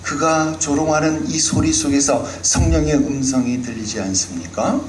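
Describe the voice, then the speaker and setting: Male pastor, sermon, questions the congregation, slightly high voice, roomy sanctuary. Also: moderate pace. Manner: acts out the scripture figures, asks the congregation questions. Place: church sanctuary. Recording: roomy hall with faint room noise.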